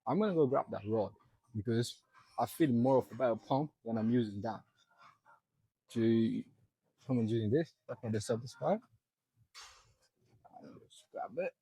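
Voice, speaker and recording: A man's voice: mid-range voice, expressive, moderate pace, long pauses, warm tone, slightly rough, no echo, rough recording. Breathless young man coaching in a gym. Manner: instructive, coaching viewers step by step. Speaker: fitness vlogger. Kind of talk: casual gym walkthrough.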